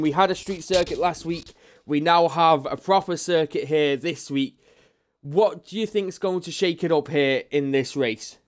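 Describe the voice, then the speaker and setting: A man commentating a sim-racing league broadcast live, chatty and upbeat, running through the grid. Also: a little high.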